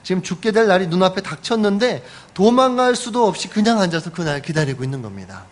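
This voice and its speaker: A man's voice: high-pitched, very animated, quick pace. A man pastor preaching a sermon, telling the story with animation and asking the congregation rhetorical questions.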